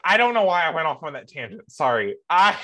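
A young man chatting on a podcast, excitable and quick to laugh. His voice sits a bit high and swings widely in pitch as he gushes and rambles. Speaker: podcast co-host. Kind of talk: casual podcast chat.

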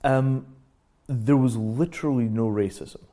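A middle-aged British man speaking as an interview guest. He talks reflectively and acts out the reactions he quotes with sudden lively jumps in pitch. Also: measured pace. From Britain. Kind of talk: casual conversational interview.

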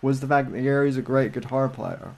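A man telling stories in casual livestream chat, rambling and halting with many restarts. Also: medium pitch, steady tone, creaky, a little mellow.

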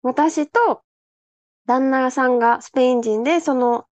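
A Japanese woman co-hosting a casual podcast, telling stories in a lively way and acting out the people she quotes. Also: high voice, a little slow, dry recording. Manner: animated storyteller, acts out quoted voices. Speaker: podcast co-host. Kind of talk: casual chat. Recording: dull lo-fi sound.

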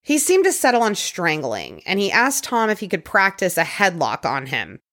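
A woman hosting a podcast, casually recounting a true-crime case with quick conversational asides. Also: lowish voice, huge pitch swings, fairly bright tone. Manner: conversational, quick asides, occasional put-on quotes. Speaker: podcast host telling a case.

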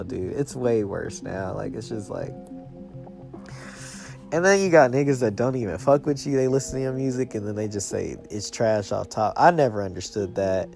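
A man's voice: mid-range voice, vocal fry. A young man chatting casually as a solo podcast host, in loose, slangy bro talk. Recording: music playing behind the voice.

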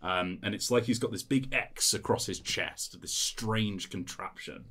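A man's voice: lowish voice, measured pace, a bit bright. A man narrating as game master in a tabletop game, loose and full of fillers.

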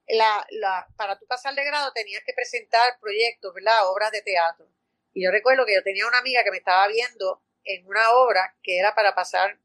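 In a conversational interview, a guest actress from Puerto Rico recounts stories with animation, stumbling through frequent fillers and restarts. Her pitch is medium and her accent Puerto Rican Spanish. The sound quality is poor but has no echo.

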